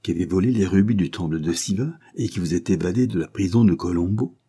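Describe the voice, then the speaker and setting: A calm detective asks careful, probing questions in a low, husky voice, as a man reading the story plays him. The delivery stays measured and even. It is adventure storybook reading. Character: calm shrewd Japanese male detective.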